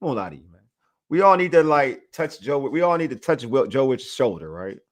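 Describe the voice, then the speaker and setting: A man with a mid-range voice hosts a laid-back sports podcast. He talks in an animated, hyped way, swinging between loud excitement and quiet asides, and he keeps repeating phrases and ending them with "man". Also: mid-range voice, a little fast. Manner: animated, hyped, repetitive, tags lines with "man". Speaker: podcast host. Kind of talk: casual sports podcast chat.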